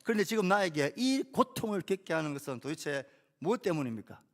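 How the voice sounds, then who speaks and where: A man's voice: mid-range voice, expressive, slow. A man voicing an upset infant boy who protests to his father with pleading questions, inside a sermon. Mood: indignant.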